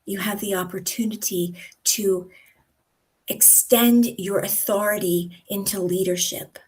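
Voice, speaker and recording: An American woman coaching pronunciation, speaking deliberately and drawing out example words with careful articulation. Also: medium pitch, steady tone, low-quality recording. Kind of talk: instructional talk to camera.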